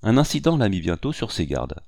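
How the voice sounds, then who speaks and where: A man giving a measured, even literary audiobook narration. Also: lowish voice, no room sound, studio quality.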